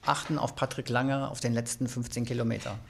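A man's voice: medium pitch, little pitch movement, a little fast, vocal fry. A male radio host interviewing an athlete in a conversational way, recapping the answers.

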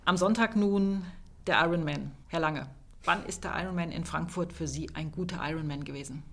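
A woman's voice: fairly low pitch, moderate pace, a bit bright. A female radio host asking friendly, chatty interview questions.

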